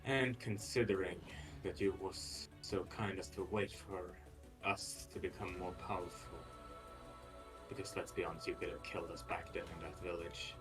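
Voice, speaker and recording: A proud young noble swordsman with a very deep voice, formal and measured, as a man voices him in a tabletop game. He speaks of honor with calm resolve. Faint music plays behind. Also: lightly acted, poor audio.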